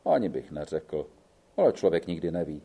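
A man's voice: rumbling low, very animated, gravelly, mellow, husky, voice pushed down, heavily acted. A man reading the part of an old gendarme in an audiobook, speaking bluntly and in a fatherly way. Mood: matter-of-fact. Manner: blunt, fatherly, calls the other man boy. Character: gruff old male gendarme, weary, blunt.

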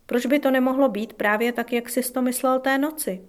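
A caring older wife, tender and gentle, in a spoken audiobook, as a woman narrator reads her. Her words come softly, in a fairly high voice. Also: fairly even intonation, close to an everyday voice.

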